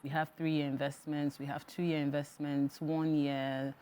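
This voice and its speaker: Woman, Nigerian accent, deep register, interview guest, advisory, explanatory. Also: flat delivery, a little slow, dark tone, clear, resonant tone. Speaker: financial firm executive, interview guest.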